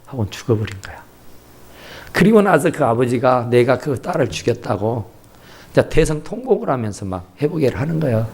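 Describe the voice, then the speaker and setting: A man's voice: mid-range voice, moderate pace, slightly rough. A man preaching a sermon, telling stories animatedly and acting out voices. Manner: animated storytelling with acted-out voices. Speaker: pastor. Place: church sanctuary.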